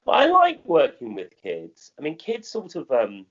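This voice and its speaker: Interviewed about his work, a middle-aged British theatre director with a modern accent responds conversationally but haltingly, frequently repeating and rephrasing. His voice runs on the high side, with a wildly swooping pitch and a bit of brightness, and the highs are cut off.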